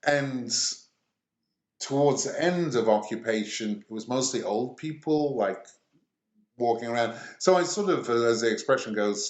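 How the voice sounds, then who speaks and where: A middle-aged man from England answers interview questions in a halting, pausing way. His voice sits on the low side and carries the ring of an echoey room. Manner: halting, pausing often between phrases. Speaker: interview guest. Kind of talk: conversational interview.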